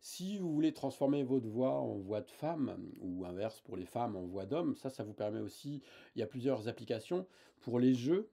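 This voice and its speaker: A man's voice: mid-range voice, expressive, moderate pace, vocal fry, mellow. A man hosting a casual tech tutorial, talking hesitantly with many fillers and restarts.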